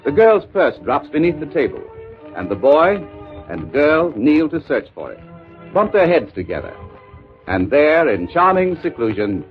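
Guy announcing in that old 1930s radio show sound, smooth and expressive, kinda muffled, band music behind. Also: on the high side, unhurried. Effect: old 1930s radio broadcast sound. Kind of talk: scripted promotional narration.

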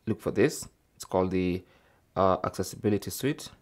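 A man whose voice sits low talks at a normal speed while presenting a step-by-step tech tutorial. He's methodical and informal in manner, often finishing phrases with "okay."

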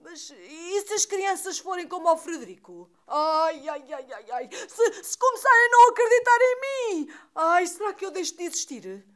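A doleful old Santa Claus from a puppet theatre show, acted out by a woman, who keeps sighing "ai" and breaking into chuckling ho-hos. The voice sits very high despite the old man it plays. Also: animated, normal speed, few pauses, a bit bright. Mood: worried. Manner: constant sighing and moaning, chuckling ho-ho laughs.

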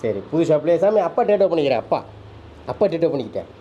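A man with a Tamil Nadu accent chatting quickly in a family vlog at a salon, coaxing his small child. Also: fairly high pitch, very animated, highs cut off, a little hiss or hum. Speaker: family vlogger, father. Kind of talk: casual family vlog chat. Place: tattoo and beauty salon, indoors.

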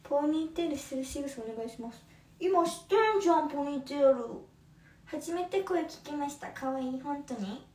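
A woman's voice: sits high, animated, moderate pace, mellow. A woman of twenty with a Kumamoto accent, chatting casually with viewers on a livestream and using lots of fillers. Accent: Kumamoto dialect. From Kumamoto, Japan. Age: 20s. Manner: chatty, friendly, with many fillers. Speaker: livestream host. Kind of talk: casual livestream chat reading comments. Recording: echoey room, phone held far off.

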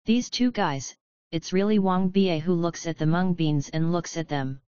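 A woman's synthetic voice reading a laid-back male navy admiral in a flat delivery, recorded with dull lo-fi sound. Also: lowish voice, unhurried, smooth, dry recording, natural voice. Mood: wry.

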